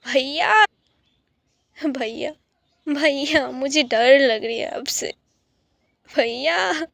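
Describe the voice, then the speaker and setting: A frightened young girl begs and stammers in a high voice, as a woman telling the story puts her on. Her words tumble out, repeated and breathless. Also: slow, a bit bright, no echo, clean studio sound, full character voice. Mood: pleading. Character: young girl pleading frantically with her brother.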